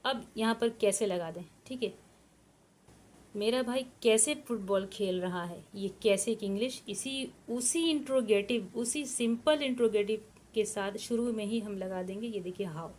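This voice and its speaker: Woman, English teacher, slow dictation, patient and repetitive, slight tone, faint hiss behind. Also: medium pitch, darkish tone. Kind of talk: grammar lesson explaining in Hindi-Urdu. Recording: faint background noise.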